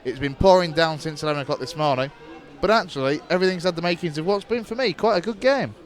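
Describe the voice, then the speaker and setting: A man giving live football commentary in a fairly high voice, narrating each pass and tackle at a brisk clip. His delivery stays even through build-up play and lifts into near-shouts at goalmouth action. He talks as an internet club radio commentator.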